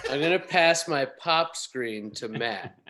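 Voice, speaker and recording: A performer talks slowly and patiently, explaining the screen layout between giggles. The pitch is middling. The sound comes through a home video-call mic. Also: expressive, a bit bright. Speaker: improv comedy host. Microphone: remote video call mic.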